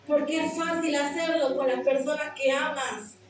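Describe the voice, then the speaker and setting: Woman preacher, high voice, earnest, impassioned sermon; very echoey church hall, mic set far off. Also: steady tone, normal speed, slight background noise. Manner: earnest, rising to impassioned emphasis.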